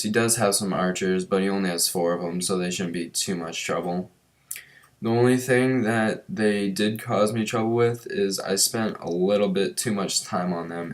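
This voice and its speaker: A young man casually commenting on his strategy-game raids, chatty and relaxed as he explains each move. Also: deep voice. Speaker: gaming commentator.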